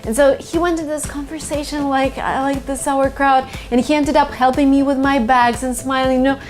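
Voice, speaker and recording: A woman's voice: high-pitched, little pitch movement, brisk, faint music behind. Chatty Russian-born woman teaching English. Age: 20s. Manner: chatty, storytelling with many uh fillers. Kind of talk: casual English lesson to camera.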